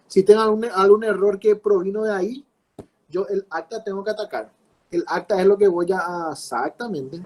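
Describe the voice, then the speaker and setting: A man's voice: sits high, moderate pace, darkish tone, rough recording. A man teaching a class, explaining with repeated rhetorical questions. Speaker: law teacher. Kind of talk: class lecture.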